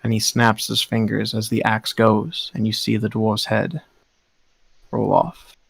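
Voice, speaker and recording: A man narrating a tabletop game as game master, describing scenes slowly. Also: lowish voice, completely flat delivery, vocal fry, slightly rough, no echo.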